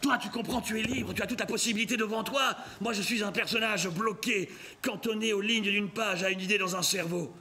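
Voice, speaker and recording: A man's voice: high voice, fairly even intonation, brisk, hardly any pauses, slight background noise. A man voicing a grandiose male mask character in improvised stage comedy, declaiming and pleading. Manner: declamatory, shouting, gravelly.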